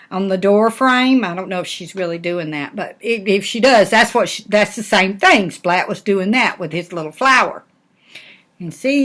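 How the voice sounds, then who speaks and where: Older southern grandma lady reading a kids book real slow, folksy, chats to the little ones as she goes. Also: medium pitch, fairly bright tone. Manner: grandmotherly, folksy, chatting to children. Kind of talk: picture-book read-aloud with chatty asides.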